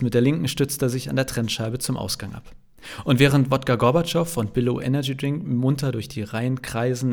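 A man's voice: mid-range voice, gravelly, darkish tone. A man reading his own novel aloud as a podcast, narrating in the first person with a dry, wry tone. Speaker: author reading his book.

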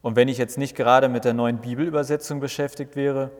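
A man's voice: mid-range voice, fairly even intonation, quick pace, close to an everyday voice. Man putting on a blustering old church reformer. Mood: indignant. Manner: blustering, complaining. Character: grumpy indignant old male church reformer. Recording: long reverb.

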